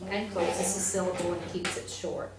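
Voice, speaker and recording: A woman's voice: on the low side, fairly even intonation, moderate pace. A woman teaching a one-on-one phonics lesson, patient and encouraging, asking guiding questions. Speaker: reading teacher. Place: classroom. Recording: echoey room, distant mic, loud AC hum. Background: air conditioner hum.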